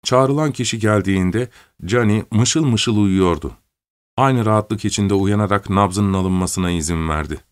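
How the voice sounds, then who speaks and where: A man narrating a story aloud in a measured, steady reading voice. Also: fairly low pitch, smooth, no room sound. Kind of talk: scripted audiobook narration.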